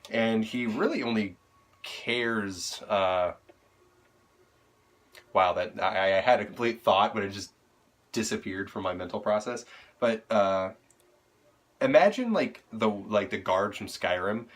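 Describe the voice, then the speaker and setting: A man's voice: fairly low pitch, a bit bright. A young man casually chatting as co-host, crude and joking with frequent laughs. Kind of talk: casual chat.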